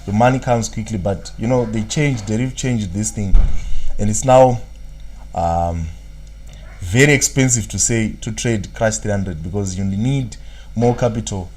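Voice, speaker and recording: Beneath a little hiss or hum, a man with a lowish, darkish voice speaks unhurriedly. He is from Zimbabwe, with a Zimbabwean accent and Shona as his first language, hosting a live trading analysis stream where he answers chat, rambles, and fills pauses with "what, what."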